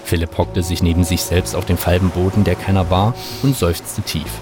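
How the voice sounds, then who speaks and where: A man narrating an audiobook in a calm, wry storytelling manner. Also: low-pitched, normal speed. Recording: narration over music.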